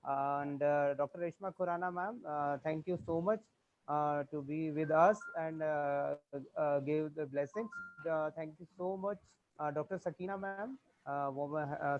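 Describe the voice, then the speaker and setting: Halting Indian man hosting a webinar. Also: fairly high pitch. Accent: Indian English. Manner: halting, many "uh" fillers. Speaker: webinar moderator. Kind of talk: hesitant formal webinar hosting. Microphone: video call. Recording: dull lo-fi video call audio.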